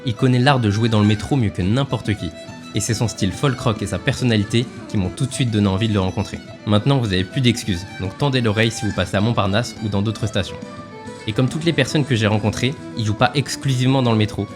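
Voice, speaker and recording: A man's voice: on the low side, quick pace. A man hosting a street reportage, talking in an upbeat, easygoing way while narrating and interviewing buskers in the metro. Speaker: reporter and host. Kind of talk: casual vlog narration and interviewing. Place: Paris metro. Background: music from metro buskers.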